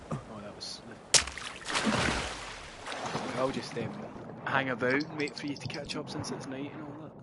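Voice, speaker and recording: A man in a casual gaming chat, speaking at a middling pitch. He rambles on and keeps checking in with his listener. The headset recording carries a clear layer of noise behind him. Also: moderate pace. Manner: rambling, with constant "you know what I mean". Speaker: gamer chatting during play.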